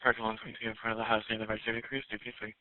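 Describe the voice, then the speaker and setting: Over narrowband police radio with faint static, a male dispatcher reads back calls in clipped radio phrases. His voice sits on the low side, barely moves in pitch, and comes out rapid-fire.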